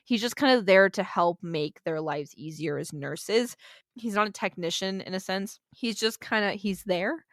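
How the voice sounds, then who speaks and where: A woman's voice: mid-range voice, normal speed, dry recording, clean studio sound. Chatty woman telling a true-crime story. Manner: chatty, swears freely, drops in jokes and asides. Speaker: podcast host.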